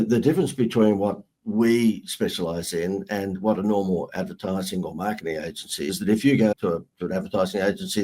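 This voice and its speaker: A man's voice: sits low, dark tone, slightly rough. A middle-aged man with an Australian accent, a marketing guest telling brash, joking stories in a casual interview.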